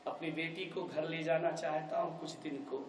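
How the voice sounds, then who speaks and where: A man voicing a meek, worried father of a bride who speaks softly and pleadingly, in an echoey hall from far off. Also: on the high side, fairly even intonation, moderate pace, slight background noise, lightly acted. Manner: soft, pleading, hushed.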